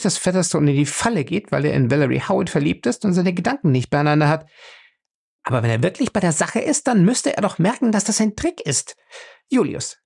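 A man reading a storybook voicing a sharp-witted young woman who argues fast and incredulously. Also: fairly low pitch, vocal fry, husky, voice pushed up, exaggerated voice. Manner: quick, incredulous, argumentative.

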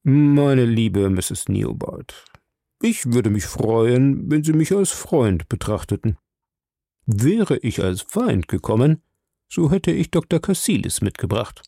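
A man voicing a shrewd, suave investigator who talks in a measured, diplomatic way. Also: medium pitch, big pitch swings, creaky, dark tone, no room sound, studio quality, heavily acted.

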